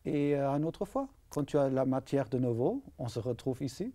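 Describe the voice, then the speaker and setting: A man's voice: medium pitch, sing-song, normal speed, warm tone. A man hosting a studio interview, chatty and often finishing his guest's sentences. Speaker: host.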